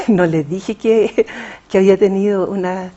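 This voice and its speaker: A Chilean poet and writer answers interview questions in a medium-pitched, mellow voice, speaking unhurriedly. She's hesitant and conversational, with many fillers and restarts. The sound is lo-fi.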